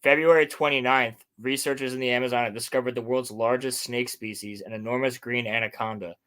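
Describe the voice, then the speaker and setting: A male host with a mid-range voice chats casually with a co-host. He presents his topics and reads articles out loud. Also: mid-range voice, fairly even intonation, brisk, clear, resonant tone. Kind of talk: casual chat and reading articles aloud.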